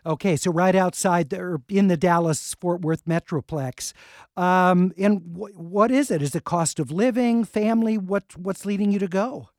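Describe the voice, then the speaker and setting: A man in his sixties hosting a call-in radio talk show in a chatty, relaxed way, with easy laughs. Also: high voice, moderate pace, dry recording, clean studio sound. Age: 60s. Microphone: studio microphone, dry sound.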